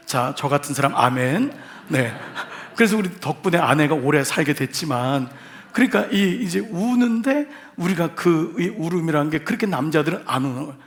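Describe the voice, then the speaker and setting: This senior pastor's voice runs on the high side and carries vocal fry. He's preaching an Easter sermon in the church sanctuary, addressing the congregation conversationally, mixing in jokes and rhetorical questions.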